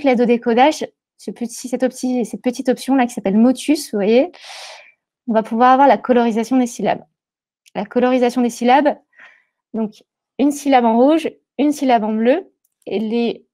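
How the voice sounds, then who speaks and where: A woman's voice: a little high, mellow. A woman giving a live webinar demonstration over screen share, talking through an earpiece headset. She hesitates often, with many fillers and restarts. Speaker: presenter of a product webinar.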